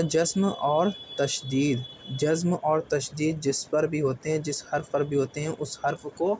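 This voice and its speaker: A man leads a patient, slow, step-by-step Quran tajweed recitation lesson, breaking each word into its letters and vowel marks and spelling letters slowly. His slightly high, darkish voice often asks "theek hai?" to check the learner is following. Faint ambience plus a little hiss or hum sits in the background.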